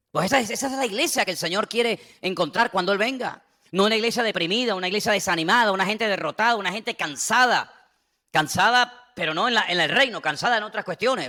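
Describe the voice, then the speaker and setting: A middle-aged male pastor delivers a fervent sermon. His voice sits high and rings brightly. He surges into loud exhortation, then sinks to quiet, low-pitched asides. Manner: impassioned preaching, rising to loud exhortation and dropping low.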